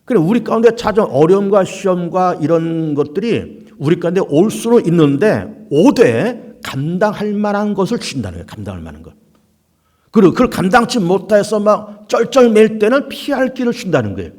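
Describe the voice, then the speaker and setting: A middle-aged man preaches to his congregation, acting out the voices of the passages he quotes. His pitch is slightly high and swings widely as he builds emphasis. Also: a little fast. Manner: animated preaching, acts out quoted dialogue. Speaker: pastor. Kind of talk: sermon.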